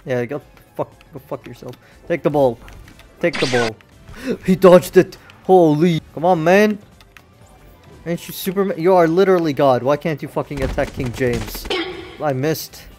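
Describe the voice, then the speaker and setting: A young man with a slightly high voice commentates his fighting game live, swearing freely and yelping whenever an attack misses. Faint game music plays behind him. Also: unhurried, pauses often. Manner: excitable, swears a lot, yells at misses. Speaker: game streamer. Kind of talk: casual gameplay commentary.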